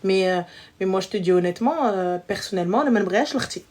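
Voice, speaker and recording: A woman's voice: medium pitch, expressive, a little fast, darkish tone. A young adult woman hosting a live stream, chatting casually with callers in a teasing, slangy, joking way.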